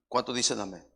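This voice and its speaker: A man with a Mexican Spanish accent preaching a sermon as pastor, swinging from hushed low passages to loud, high-pitched preaching and acting out biblical voices. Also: creaky, slight background noise. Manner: acts out the voices of biblical figures.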